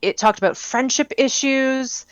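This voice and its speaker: A young woman with a high voice co-hosts a podcast, speaking a little slowly in casual, enthusiastic chat that rambles and is packed with fillers. The audio is dull, and a crowd can be heard in the background.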